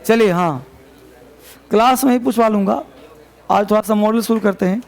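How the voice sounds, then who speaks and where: At a moderate pace, a male English teacher runs a classroom grammar lesson in a high, rough, gravelly voice. He repeats key points, corrects pronunciation, and calls his students to order with fond chiding.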